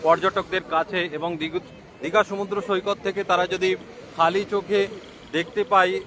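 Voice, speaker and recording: A man giving live news commentary, repeating details and pausing as he explains, outdoors with wind on the mic. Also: sits high, level tone, a crowd in the background. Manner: repetitive explanatory delivery with hesitant pauses. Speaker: live reporter. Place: outdoors on a sea beach. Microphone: mobile phone. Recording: noisy outdoor live stream, roaring sea wind. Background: roaring waves and wind.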